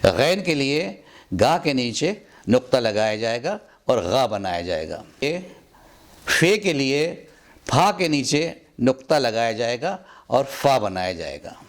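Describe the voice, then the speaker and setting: Man, Urdu pronunciation lesson, very slow, measured, repeats words for practice. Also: medium pitch, big pitch swings. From India. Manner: deliberate, repeats words for drill. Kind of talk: slow instructional explanation. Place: Mumbai.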